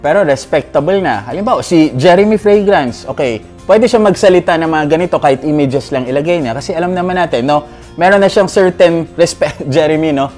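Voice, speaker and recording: A middle-aged man with a rather high voice rants about perfume reviewers, blunt and swearing freely. He switches between Tagalog and English and keeps asking "no?". Faint music plays behind him. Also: expressive, fairly quick, a little mellow. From Philippines. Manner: tags lines with "no?". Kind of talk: casual ranting review.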